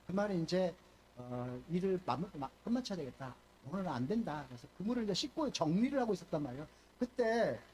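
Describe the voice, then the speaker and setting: An older male pastor giving a sermon, telling stories with animated delivery and acting out quoted speech. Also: high voice, slight background noise. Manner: animated storytelling, voices quoted speech, fillers and restarts.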